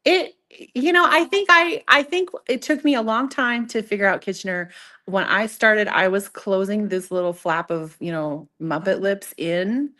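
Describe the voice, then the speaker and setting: A woman leads a live, hands-on workshop in a casual voice. She is chatty and playful, interrupts herself often and gently mocks herself as she explains. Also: medium pitch, moderate pace. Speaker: craft instructor demonstrating sock knitting. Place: live in-person event with an audience. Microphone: event microphone.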